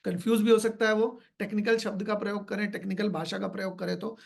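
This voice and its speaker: A man's voice: high voice, level tone, quick pace, vocal fry. A man giving a sales training talk, explaining points by repeating phrases and asking rhetorical questions. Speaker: business trainer.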